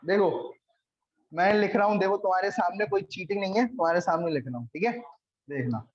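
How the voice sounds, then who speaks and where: Male biology tutor, high voice, coaxing, quizzes students; roomy, muffled recording. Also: fairly quick. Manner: coaxing, repeats questions to students, calls them beta. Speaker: biology teacher. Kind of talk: classroom lecture. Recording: echoey room, dull lo-fi sound.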